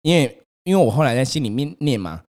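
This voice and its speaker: A young man, hosting a casual chat and telling his own ghost story in an animated way, acting out the voices in it. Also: fast talker. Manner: animated, acts out quotes, rises in pitch when scared.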